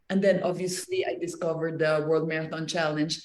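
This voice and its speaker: A middle-aged woman with a Filipino accent, an interview guest telling her story in a lively, casual way, mixing languages mid-sentence. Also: sits low, fairly quick. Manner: animated, switches between Tagalog and English mid-sentence. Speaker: interview guest, marathon runner. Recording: echoey room.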